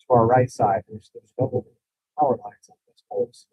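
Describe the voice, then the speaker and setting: A man giving casual live commentary as a storm chaser, in an offhand but excitable way, over a phone stream. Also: medium pitch, moderate pace, slightly rough, no echo. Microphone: phone livestream. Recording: muffled, lo-fi mobile livestream.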